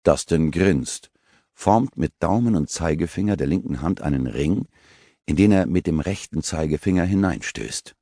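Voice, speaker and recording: Male narrator, low gravelly voice, animated telling. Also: moderate pace, no echo. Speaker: audiobook narrator. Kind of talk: scripted audiobook narration. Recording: dry studio recording.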